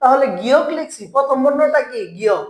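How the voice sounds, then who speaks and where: A woman's voice: high-pitched, fairly quick. A woman teaching a language lesson in a classroom style, asking her listeners questions and then answering them herself. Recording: echoey room.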